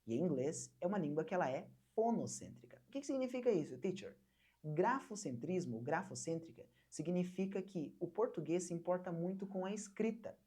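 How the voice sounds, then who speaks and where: A young woman from Brazil teaching an online English lesson, patiently repeating words slowly for learners to copy. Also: on the low side, expressive, warm tone, breathy edge.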